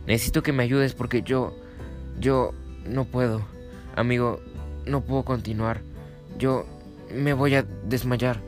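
A man's voice: mid-range voice, fairly quick, faint music behind, natural voice. A man voicing a polite, exhausted young donkey who pleads, in a children's storybook reading. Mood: faint, desperate.

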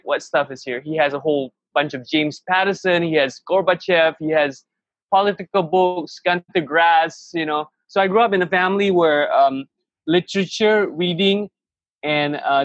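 His voice is a little high, and the recording is muffled though free of echo. He is a man in his thirties who grew up in Malaysia, guesting on a podcast and telling his story in a casual interview chat, enthusiastic and rambling with plenty of restarts.

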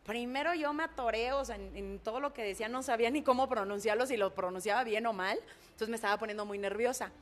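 A woman with a Mexican accent, a public speaker and announcer, telling anecdotes in a lively, colloquial, frank way in conversation. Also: fairly high pitch, quick pace. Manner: expressive, imitates heartbeats and screams. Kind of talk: animated storytelling in conversation.

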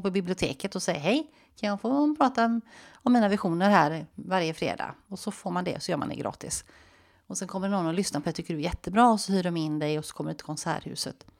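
A woman with a deep, slightly creaky voice hosts her own coaching podcast. She talks to the listener in a relaxed, conversational way. When she leads the visualization she goes quiet and close, almost a whisper. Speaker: life coach and podcast host. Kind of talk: solo podcast monologue with guided visualization.

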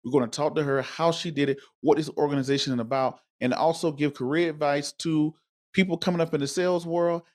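A man's voice: on the high side, steady tone, fairly quick, a little mellow. Man hosting a casual, rambling interview. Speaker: interviewer and host.

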